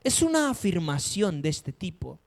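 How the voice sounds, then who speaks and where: A man's voice: sits high, very animated, moderate pace, creaky. A man preaching a sermon in a dramatic, emphatic way, asking his congregation rhetorical questions. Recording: long reverb of a hall.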